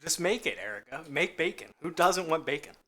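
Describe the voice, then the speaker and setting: A man's voice: a little high, lively intonation, a little fast, pushed and bright. A man hosting a live cooking stream from a home kitchen, chatting eagerly and talking with his mouth full as he eats. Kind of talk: casual chat while eating on a live stream.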